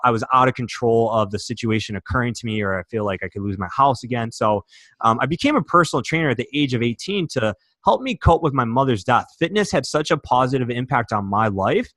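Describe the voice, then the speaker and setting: A man's voice: mid-range voice, fairly bright tone, dry recording, studio quality. A young man from Michigan, a podcast guest, telling his personal story earnestly and emotionally, with many fillers and restarts. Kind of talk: candid interview storytelling.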